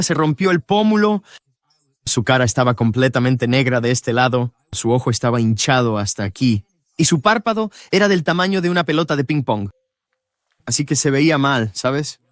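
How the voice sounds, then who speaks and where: A man narrating his own faith testimony in an earnest, confessional way, looking back on his time as a missionary. His voice sits a little higher than most men's. It is recorded close and dry, with no room sound. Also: dry recording. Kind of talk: personal testimony storytelling.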